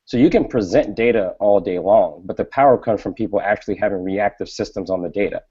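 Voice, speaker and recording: A man's voice: on the low side, a little fast, warm tone, slightly rough. A man in a casual tech panel chat, explaining his views and often ending with "right?", on a dull lo-fi recording. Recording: dull lo-fi stream audio.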